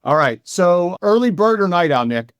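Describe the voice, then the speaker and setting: Upbeat higher-voiced man podcast host. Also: very animated, normal speed, clean tone, dry recording, dull audio. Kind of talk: conversational interview.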